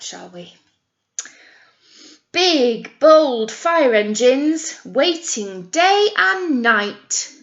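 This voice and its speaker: A British woman teacher with a fairly high, slightly bright voice reads a picture book aloud to young children. Her delivery is sing-song, full of encouraging questions in an interactive lesson, and the recording sounds muffled.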